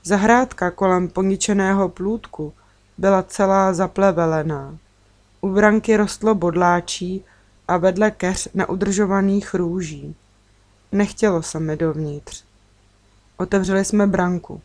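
Lady reading a kids' book out loud, calm and measured, middle voice. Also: medium pitch. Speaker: narrator. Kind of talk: children's book read aloud.

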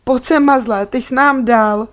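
A woman's voice: on the high side, voice pushed up, close to an everyday voice. Woman reading an insistent young boy. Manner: insistent, pleading. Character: young boy, stubborn and tearful.

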